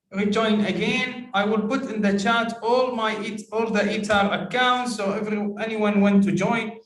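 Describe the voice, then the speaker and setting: A man's voice: high voice, a bit bright. A man hosting an online webinar over a video call, speaking politely with many hesitations and fillers. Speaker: webinar host. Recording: echoey room, distant from mic.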